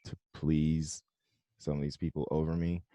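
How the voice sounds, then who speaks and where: A young man from South Carolina, a musician guest talking through his past in a loose, relaxed way and laughing often. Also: rumbling low, normal speed, dry recording, lo-fi sound. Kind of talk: casual interview conversation.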